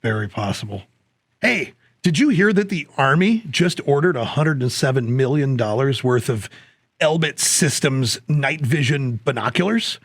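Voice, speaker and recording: A man's voice: medium pitch, animated, normal speed, slightly rough, no echo. A man co-hosting a casual podcast, joking and rambling, then plugging gear sales into a close mic. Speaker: podcast co-host. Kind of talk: casual chat.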